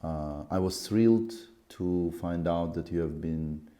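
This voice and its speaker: Brief: male show host, low mellow voice, loose wandering questions. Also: unhurried. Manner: rambling, many fillers, searching for words. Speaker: interview host. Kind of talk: interview questions.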